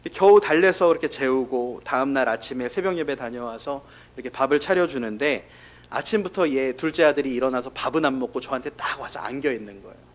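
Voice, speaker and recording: A man's voice: medium pitch, brisk. A male pastor giving a conversational sermon, telling candid personal stories and speaking straight to the congregation. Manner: candid, confessional storytelling that addresses the congregation directly.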